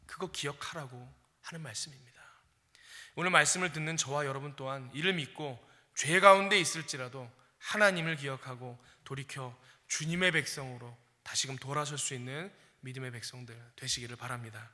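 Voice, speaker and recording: A male pastor preaching a sermon with dramatic delivery, acting out quoted speech with sharp swings in loudness. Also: mid-range voice, a little fast. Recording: long reverb of a hall.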